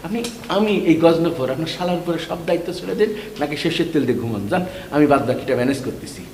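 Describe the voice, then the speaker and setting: An actor playing a scheming brother-in-law who wheedles and talks fast. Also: male voice, fairly high pitch. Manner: wheedling, fast-talking, animated. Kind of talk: TV drama acting. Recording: echoey room, faint noise.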